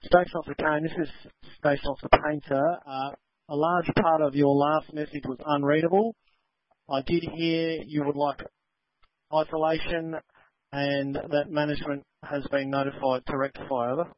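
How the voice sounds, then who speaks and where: A man's reply comes over a muffled two-way radio channel with a faint hiss. His voice sits a bit high and keeps to one flat line as he goes through clipped, formal radio procedure. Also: normal speed, no echo. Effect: two-way radio transmission. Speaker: fire station officer.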